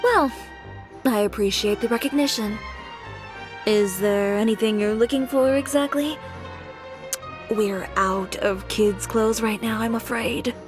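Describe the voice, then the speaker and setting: In this game voice-acting clip, a woman plays a composed, businesslike fashion designer who runs a shop, delivering her lines dryly and matter-of-factly. Her voice is on the high side and unhurried, with long pauses and only light acting. Game music plays behind her.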